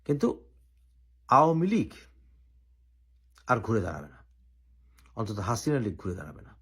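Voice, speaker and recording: A man from Bangladesh hosting his own channel, giving an opinionated political commentary and laying out his argument point by point with deliberate pauses. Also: on the low side, big pitch swings, breathy edge.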